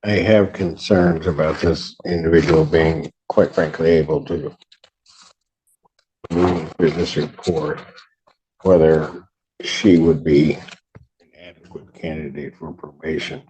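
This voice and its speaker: A man's voice: a bass voice, steady tone, slow, pauses often, mellow, slight background noise, rough recording. A man presiding as a judge in court, asking blunt, clipped questions, heard through a courtroom recording. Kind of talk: courtroom proceedings.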